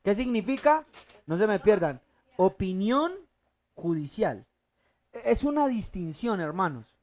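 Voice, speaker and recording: Preacher in a teaching sermon, mid-pitch, halting restarts, call-and-response questions to the congregation. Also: big pitch swings, a little mellow. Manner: asks the congregation fill-in questions, repeats key words slowly; halting restarts, thinking aloud. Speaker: preacher teaching a Bible class.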